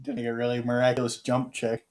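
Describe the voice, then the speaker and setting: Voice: mid-range voice, completely flat delivery, fairly quick, a little mellow. A game master improvising narration and rulings casually for a tabletop role-playing game.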